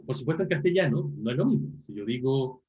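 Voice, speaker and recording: A man's voice: mid-range voice, expressive, fast, phone-quality sound. A man giving an online university linguistics lecture, explaining step by step with frequent tag questions and self-corrections.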